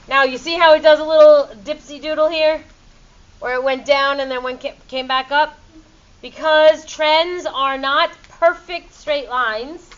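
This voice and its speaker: High-voiced upbeat woman teaching class. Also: dull audio. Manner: upbeat, playful teacher quizzing students. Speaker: chemistry teacher. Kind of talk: classroom lecture.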